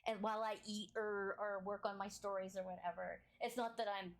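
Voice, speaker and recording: A woman hosts a casual live-streamed podcast interview, chatting effusively in a big, booming voice and laughing often. Her pitch moves little and she talks fairly quickly.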